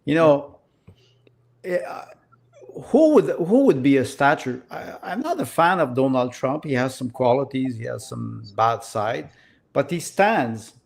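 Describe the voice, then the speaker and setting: A man from Canada co-hosting a casual political podcast, halting and repeating words as he searches for them. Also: mid-range voice, animated, gravelly. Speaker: podcast co-host.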